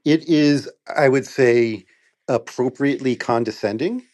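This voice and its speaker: A man's voice: medium pitch, a little slow, a little mellow. A man co-hosting a podcast, talking casually and sarcastically about a court ruling, laughing often. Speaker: podcast co-host. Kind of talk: casual legal discussion.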